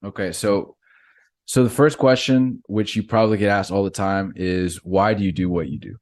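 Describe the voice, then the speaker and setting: A man's voice: on the low side, fairly even intonation, moderate pace, a little mellow. A man hosting a casual podcast interview, easygoing and encouraging. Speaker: podcast host.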